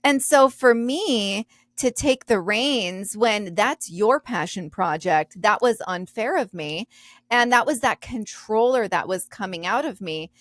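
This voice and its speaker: Female podcast co-host, expressive and candid, average pitch, dry close mic. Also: dry recording. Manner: expressive, candid, quick reactions. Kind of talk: casual conversation.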